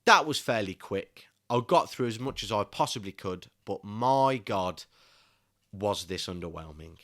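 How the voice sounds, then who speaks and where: Young male film reviewer, lower pitch, passionate and irate. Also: animated, unhurried, fairly bright tone. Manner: passionate, increasingly irate ranting. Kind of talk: casual solo video review.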